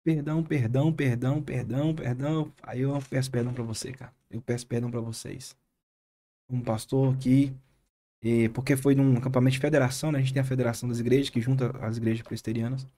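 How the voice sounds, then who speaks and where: A man, a pastor with a Brazilian accent, earnestly retelling a moving experience as a podcast guest, with halting restarts. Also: medium pitch, flat delivery, dark tone. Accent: Brazilian Portuguese. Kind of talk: podcast interview storytelling.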